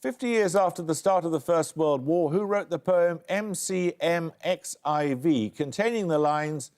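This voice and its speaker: A man hosting a quiz show, reading questions crisply and giving dry, wry introductions. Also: a little high, unhurried, darkish tone. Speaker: quizmaster.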